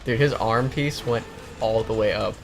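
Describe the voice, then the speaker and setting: A man's voice: medium pitch, moderate pace, soft background music. A young man co-hosting a casual gaming chat, rambling with lots of likes and restarts. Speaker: co-host.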